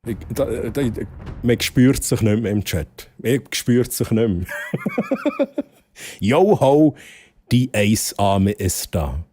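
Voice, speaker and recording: A young Swiss man streaming live in casual chat with a Swiss German accent, excitable and prone to loud outbursts. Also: slow, slight background noise. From Switzerland. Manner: excitable, bursts into loud high exclamations and laughter.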